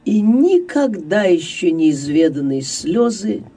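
A narrator giving a slow, expressive reading of a classic novel. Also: mid-range voice, husky, far from the mic.

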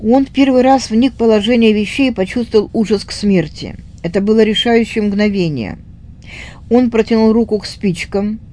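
A woman's voice: medium pitch, mellow, slight background noise. A woman retelling a story aloud in her own words, unscripted, with small fillers and restarts.

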